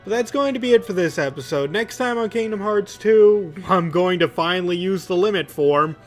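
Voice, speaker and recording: A man's voice: high voice, expressive, moderate pace, soft background music. A young man giving casual, rambling let's play commentary in a jokey, mock-exasperated manner.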